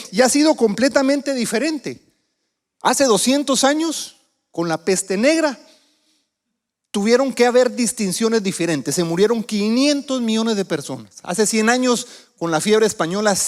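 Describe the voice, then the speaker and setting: High-voiced preacher in a reverberant church. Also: male voice. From Guatemala. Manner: conversational, asks the congregation questions. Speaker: visiting preacher. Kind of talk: sermon. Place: church sanctuary.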